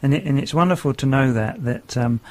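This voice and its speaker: Male radio host, hesitant, gentle prompting, mid-pitched. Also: a little fast. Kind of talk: radio interview.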